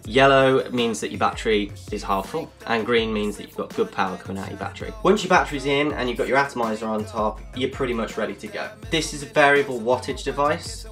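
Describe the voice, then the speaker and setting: A man's voice: medium pitch, quick pace, hardly any pauses, fairly bright tone, faint music behind. A man giving a casual, jokey product review, explaining things step by step.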